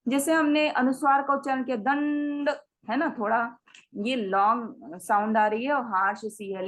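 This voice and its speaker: A woman teaching a Sanskrit grammar class. She explains step by step, sounds out each example word slowly, mixes English words into her Hindi and keeps checking in with her students. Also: medium pitch, fairly bright tone, poor audio.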